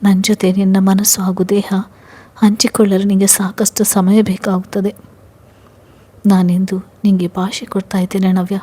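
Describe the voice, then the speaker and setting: A woman reading the lines of a gentle, patient young husband in a spoken story, softly and earnestly. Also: medium pitch, flat delivery, moderate pace, breathy edge, natural voice. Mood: tender. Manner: soft, earnest, reassuring.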